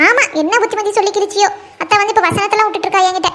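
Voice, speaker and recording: A woman voicing a bossy, sharp-tongued older mother-in-law in a comic cartoon, scolding and taunting her family. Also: very high voice, fairly even intonation, racing.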